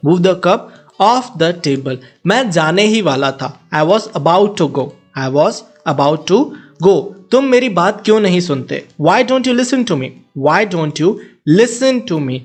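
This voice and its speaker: Slow, high-voiced male English tutor. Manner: says each English sentence twice, slowly and deliberately. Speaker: English teacher. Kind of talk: language lesson drills.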